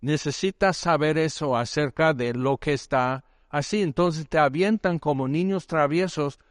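A man's voice: on the high side, measured pace, no room sound, studio quality. Man preaching a conversational sermon. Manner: conversational, rhetorical questions, acts out voices. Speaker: pastor.

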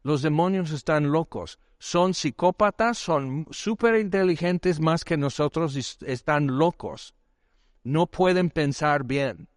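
A man's voice: on the high side, slow pace, no echo. Male pastor, casual sermon delivery with rhetorical questions, dry sound. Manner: conversational, rhetorical questions, acts out voices.

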